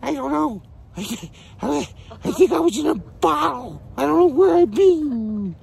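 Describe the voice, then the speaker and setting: Someone doing a gushing lioness, high and squealing, slow, gravelly edge. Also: expressive, a little mellow, exaggerated voice. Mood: excited. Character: friendly female lion, excited and gushing.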